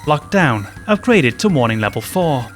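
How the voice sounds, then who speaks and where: A man's voice: fairly high pitch, very animated, moderate pace, faint music behind. A man reading out a train's formal public address announcements, in the manner of a newsreader.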